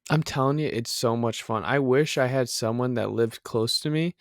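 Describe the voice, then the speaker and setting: Man, podcast host, casual and eager, average pitch, dry close recording. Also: normal speed, no echo. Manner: casual, enthusiastic, loose and rambling. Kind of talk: casual chat.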